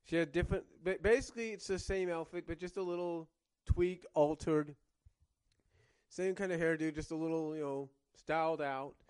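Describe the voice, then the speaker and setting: A man's voice: on the high side, steady tone, moderate pace, a little mellow, smooth, dry recording. A man reviewing cartoons in casual commentary, rambling and circling back to rephrase, coughing now and then with a cough drop in his mouth.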